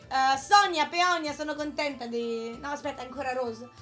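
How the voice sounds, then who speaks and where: Woman streamer, high pitch, playful and mocking, swears casually. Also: fairly even intonation, unhurried, fairly bright tone, soft background music. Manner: playful and mocking, swears freely, laughs often. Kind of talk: casual let's-play commentary, reading game dialogue aloud.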